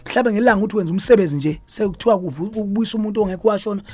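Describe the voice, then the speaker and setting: A male traditional healer speaks with a Zulu accent on a radio advice show. His delivery is extremely quick and the voice is husky and rough-edged. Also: high voice, darkish tone. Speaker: traditional healer, guest expert.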